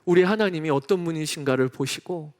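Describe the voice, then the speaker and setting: A man's voice: on the high side, brisk, darkish tone. A male pastor giving a sermon in an earnest, pleading manner, often turning to address the congregation directly. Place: church sanctuary.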